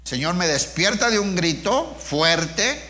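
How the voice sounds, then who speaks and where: A man's voice: sits high, sing-song, slow pace, sharp tone. A middle-aged man, preaching an informal sermon with personal testimony, speaking conversationally and asking his listeners rhetorical questions.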